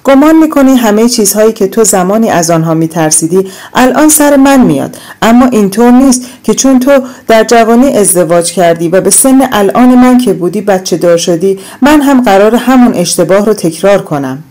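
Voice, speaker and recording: A woman's voice: mid-range voice, animated, mellow, close to an everyday voice. A woman reading an audiobook, voicing a defiant young adult daughter who argues with her mother in a raised, indignant voice. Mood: hurt.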